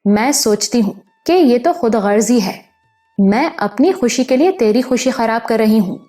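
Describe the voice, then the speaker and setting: A woman's voice: on the high side, expressive, warm tone, faint music behind, close to an everyday voice. A woman voicing an older motherly village woman who scolds with affection, in an audiobook. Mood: tender. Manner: scolding yet affectionate, rustic speech. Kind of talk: audiobook character voice.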